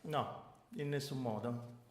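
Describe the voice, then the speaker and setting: A man's voice: medium pitch, slow pace. A man in his forties from Sardinia, answering as a guest in a radio interview in an emphatic way, often repeating his points for weight. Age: 40s. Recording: roomy echo.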